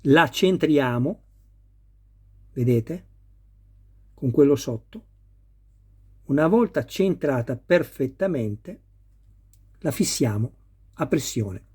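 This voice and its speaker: Husky Italian-speaking man building a model. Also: medium pitch, animated, slow, pauses often, a little mellow. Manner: patient, talks viewers through each step. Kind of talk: hands-on assembly tutorial.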